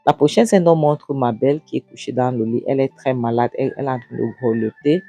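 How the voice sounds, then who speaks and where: A woman's voice: a bass voice, fast, gravelly, warm tone, breathy edge, dry recording, dull audio, soft background music. A woman narrating a film recap in a casual way, retelling the scenes and often repeating and restarting her words.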